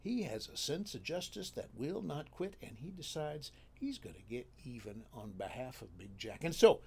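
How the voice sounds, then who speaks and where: Animated folksy man telling a tale. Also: mid-range voice, moderate pace, creaky, a little hiss or hum. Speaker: storyteller. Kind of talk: folk tale storytelling.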